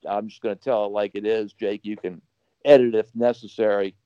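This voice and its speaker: A man's voice: fairly low pitch, level tone, a little fast, warm tone, clear, resonant tone, dry recording, highs cut off. A man telling a long anecdote as a podcast guest, rambling casually with fillers and restarts. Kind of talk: casual storytelling.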